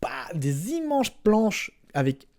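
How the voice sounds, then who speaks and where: A young trading card collector hosts a casual explainer vlog on his channel, chatting playfully with viewers and throwing in spoken sound effects. His voice is high-pitched, warm and very animated, though his pace is slow.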